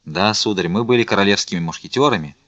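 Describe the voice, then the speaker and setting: A man's voice: lowish voice, quick pace, a bit bright, no room sound, highs cut off, natural voice. A man reading a big, hearty musketeer in an audiobook, bluff and dignified. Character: big hearty noble male musketeer giant.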